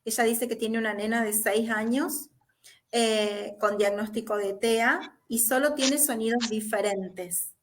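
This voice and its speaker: A woman's voice: a little high, steady tone, measured pace. A woman host giving short affirmations and reading out a question from a viewer. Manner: brief affirmations, reads audience questions. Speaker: interview host.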